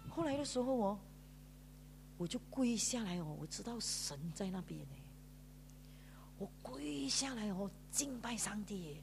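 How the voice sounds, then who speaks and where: Woman pastor, Malaysian Mandarin accent, heartfelt testimony from the pulpit, drawn-out particles, medium pitch. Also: animated, vocal fry, a little hiss or hum. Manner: storytelling with drawn-out sentence particles, mixing in English words. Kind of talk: emotional sermon testimony. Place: church.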